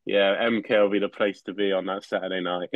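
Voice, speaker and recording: A man's voice: fairly low pitch, normal speed, no room sound. A young man co-hosting a podcast in casual sports chat, rambling with lots of fillers. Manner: rambling, many fillers like "like" and "sort of". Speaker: podcast co-host. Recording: slightly dull podcast audio.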